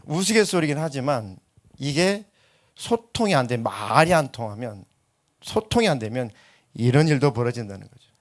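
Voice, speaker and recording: Lively pastor, man preaching. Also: mid-range voice. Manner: lively storytelling, acts out voices in anecdotes. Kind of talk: sermon.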